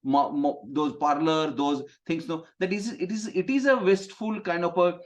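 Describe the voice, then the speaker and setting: Over dull, lo-fi video-call audio, an Indian man whose first language is Gujarati moderates a webinar at a moderate pace in a slightly high voice. His speech rambles, full of "you know" fillers and restarts.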